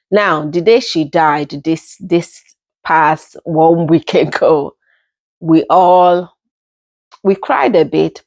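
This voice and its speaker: A young woman vlogger, telling a family story in a casual, animated way, acting out the people she quotes. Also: low-pitched, gravelly, no room sound, highs cut off. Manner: animated retelling with quoted voices and laughs.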